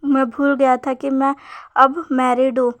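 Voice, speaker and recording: A woman's voice: high-pitched, little pitch movement, a little slow. A woman voicing a young married man who coaxes and insists on his partner. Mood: soothing.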